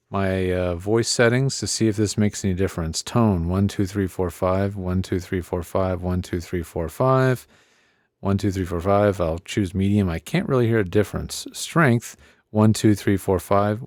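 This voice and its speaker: There's a dry recording of a low-pitched man, a tech reviewer giving a laid-back tutorial in his home studio. He chats into a condenser mic on a desk arm, doing mic checks and counting often, and a faint hum from a computer is audible.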